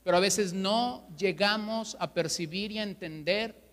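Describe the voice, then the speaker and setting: Unhurried yet emphatic, a high-voiced, bright-toned pastor from Mexico delivers his sermon. Rhetorical questions drive his points home, echoing with the church hall's long reverb.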